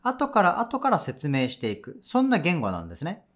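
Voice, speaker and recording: A man's voice: on the high side, huge pitch swings, normal speed, a bit bright. A man teaching an audio lesson as an English teacher at a cram school, explaining in a chatty, patient way.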